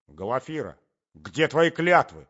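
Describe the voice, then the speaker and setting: A man's voice: medium pitch, lively intonation, moderate pace, close to an everyday voice. Brief: male narrator doing a heated jealous young man, urgent and indignant, lo-fi audiobook sound. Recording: dull lo-fi audiobook recording.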